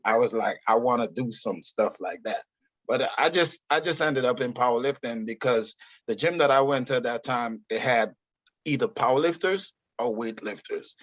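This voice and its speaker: A man's voice: mid-range voice, moderate pace, fairly bright tone, dry recording. A middle-aged man with a Guyanese accent, a fitness coach telling stories in an easygoing, candid way as an interview guest. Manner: easygoing, candid, swears casually. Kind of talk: casual interview storytelling.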